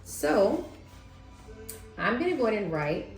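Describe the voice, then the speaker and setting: A woman's voice: a little high, very animated, measured pace, faint music behind. Patient woman teacher in an echoey room. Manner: patient, checks in often with "okay?". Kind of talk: demonstration reading lesson. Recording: echoey room, faint ambience.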